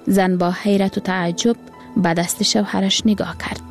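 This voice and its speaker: Brief: calm female storyteller, gravelly texture. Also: mid-range voice, faint music behind. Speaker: narrator. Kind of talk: storytelling narration.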